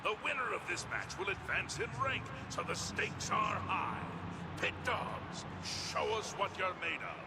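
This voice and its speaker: An actor playing a grandiose male arena announcer in a fantasy fighting game, with booming, drawn-out, ceremonial showmanship. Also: very animated, vocal fry, exaggerated voice. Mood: grand, rousing. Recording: game audio under loud arena noise.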